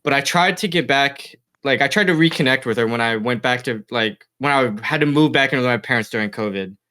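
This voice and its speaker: A young man chatting on a friends' podcast, his voice sitting at an ordinary middle pitch. He rambles through his story with plenty of fillers and restarts. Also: brisk, bright, forceful tone, smooth. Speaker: podcast co-host. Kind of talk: casual banter among friends.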